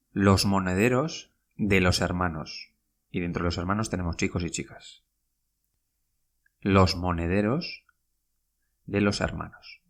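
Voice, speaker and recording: This man's voice is low as he leads a podcast language lesson. He is patient and repetitive, spelling words out and repeating each phrase twice.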